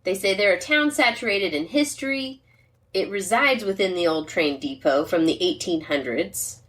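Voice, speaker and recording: A woman's voice: medium pitch, expressive, normal speed, fairly bright tone. Chatty woman podcast host. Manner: chatty and rambling, reads labels aloud. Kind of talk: casual chat.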